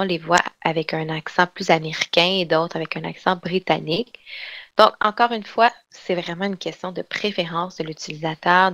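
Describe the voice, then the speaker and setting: A woman giving an online software training session, explaining in a chatty way with lots of fillers and restarts. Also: lowish voice, no echo. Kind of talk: online webinar demonstration.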